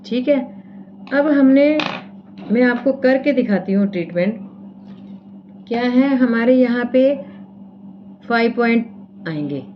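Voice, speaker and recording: A woman's voice: on the high side, animated, slow, long pauses, muffled recording, slight background noise. A woman teaching acupressure and explaining each step while she demonstrates, checking in often with her viewers. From India. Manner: explains step by step, repeats "theek hai" often. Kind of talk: casual demonstration lesson.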